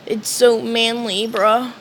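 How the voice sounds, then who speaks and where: A boisterous young male magic comrade, as a woman puts him on, calling out brash, bossy lines. The voice sits somewhat high and the delivery is slow. Faint background hiss is heard. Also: flat delivery.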